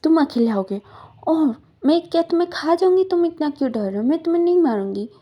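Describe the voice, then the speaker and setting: A woman's voice: high-pitched, animated, fast, mellow, voice pushed up. A woman voicing a stern mother who insists and scolds, in a spoken storybook retelling. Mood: scolding.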